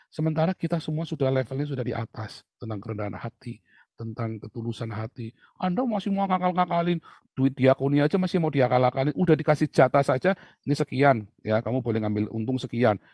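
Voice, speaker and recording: Animated preaching man, dry close sound. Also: dry recording. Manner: animated, jumps between loud emphasis and low asides. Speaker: pastor. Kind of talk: sermon.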